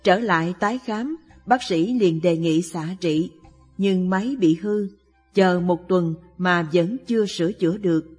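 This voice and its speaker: A woman narrating a sad Buddhist life story in a slow, measured, mournful way. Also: fairly low pitch, slightly rough. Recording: long reverb with soft music behind.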